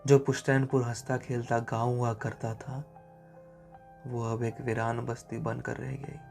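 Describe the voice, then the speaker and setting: A grave old village grandmother, put on by a male narrator speaks in hushed, urgent warnings. She is frightened and secretive, the voice of dread in a spoken horror tale. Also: medium pitch, flat delivery, measured pace, vocal fry, soft background music.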